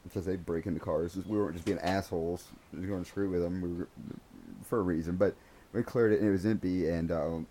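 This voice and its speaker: A man's voice: low voice, fairly quick, slight background noise. A man and former police officer hosting a casual chat, telling stories with lots of energy and acting out other people's lines. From United States. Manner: animated storyteller, acts out voices in quotes.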